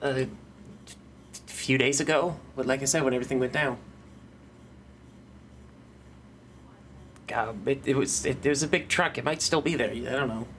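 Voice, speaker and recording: A man's voice: medium pitch, a little fast, a bit bright, slight background noise, natural voice. Jittery stammering survivor dude, a guy gm doing him, keeps tripping over himself. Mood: shaken. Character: nervous male survivor guarding an empty storeroom.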